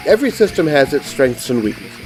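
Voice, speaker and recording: A middle-aged man, giving scripted, measured and precise review narration as host of a retro gaming show. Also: medium pitch, big pitch swings, soft background music.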